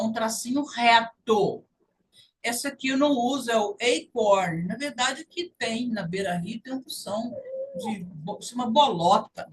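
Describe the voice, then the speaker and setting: A woman's voice: on the high side, distant mic, a little hiss or hum, low-quality recording. A woman with a Brazilian Portuguese accent, teaching a lesson and patiently repeating sounds to demonstrate them. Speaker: language teacher. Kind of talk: online English lesson.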